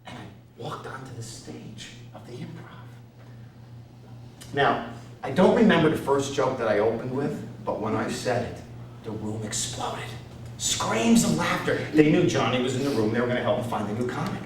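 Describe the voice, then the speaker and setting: A man's voice: mid-range voice, big pitch swings, normal speed, slight background noise. A male comedian from Connecticut telling a self-mocking story in a one-man comedy show, acting out the other people's voices. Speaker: stand-up comedian. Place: theater stage before a live audience. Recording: roomy live theater sound from a distance, audience laughter.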